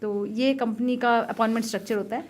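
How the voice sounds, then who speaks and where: A woman's voice: a little high, steady tone, a little fast. A woman in her thirties, an army officer guest, telling stories animatedly, laughing often and mixing in English. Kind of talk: casual interview storytelling.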